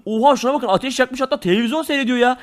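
A young man hosting excited gameplay commentary, rapid and excitable, constantly addressing viewers. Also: very high-pitched. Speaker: channel host.

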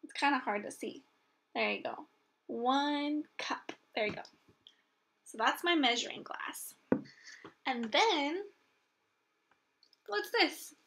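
A young woman with a fairly high voice talks like a kids show host, teaching small children. She goes slowly and simply, asking encouraging questions as she leads them along. There is noticeable room noise behind her. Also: expressive, fairly bright tone. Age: 20s. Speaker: elementary math teacher. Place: small room at home, indoors. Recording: clear background noise, room ambience.

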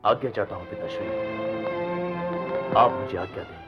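A man's voice: lowish voice, wildly swooping pitch, moderate pace, highs cut off. A man playing a resolute, loyal demon warrior prince, declaiming formally and emphatically in a mythological TV drama. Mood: resolute urging. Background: background music.

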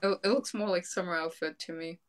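A woman's voice: fairly low pitch, fairly even intonation, brisk, a little hiss or hum. A young adult woman chatting casually on a video call. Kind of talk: casual chat. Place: indoors, joining by video call.

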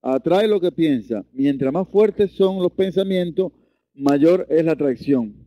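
A man's voice: lively intonation, a little slow, dry recording, muffled recording. A man teaching a Reiki lesson, earnest, often repeating and restarting his words. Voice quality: deep voice. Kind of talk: online lesson.

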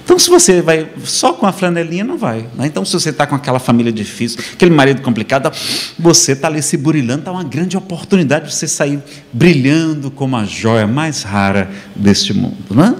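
Brazilian male lecturer, slightly high voice, wide swinging intonation, chatty preaching style that checks in with the room. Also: a little fast. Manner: rhetorical questions, frequent "não é?" tags; lively, conversational preaching with humor. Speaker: spiritist lecturer. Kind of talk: spiritual lecture to a live audience. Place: lecture hall before an audience.

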